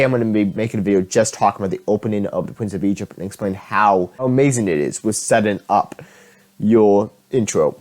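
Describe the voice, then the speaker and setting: A man's voice: on the low side, a little mellow. A man casually talking through a film's opening, rambling with lots of fillers and restarting his sentences. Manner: rambling, many "like" and "right?" fillers, frequent restarts. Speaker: film video host. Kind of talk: casual film analysis to camera.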